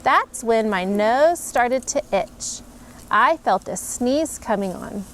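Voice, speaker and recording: A woman, a mother, reading a picture book aloud to her children in an animated, expressive way with playful emphasis. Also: fairly high pitch, slow, slight background noise. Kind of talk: storybook read-aloud.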